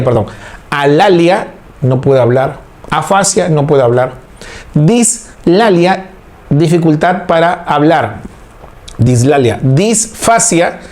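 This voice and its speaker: A man's voice: a little high, darkish tone. Man teaching a lesson, asking students questions. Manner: repetitive, asks questions and answers imagined students. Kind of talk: recorded lecture.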